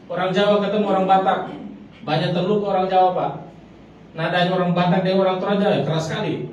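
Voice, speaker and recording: A man's voice: high-pitched, steady tone, quick pace, a little mellow, lo-fi sound. A man preaching a sermon, speaking emphatically and often turning to address the congregation as brothers and sisters. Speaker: pastor. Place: large church hall. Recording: very echoey hall, mic far off, faint noise.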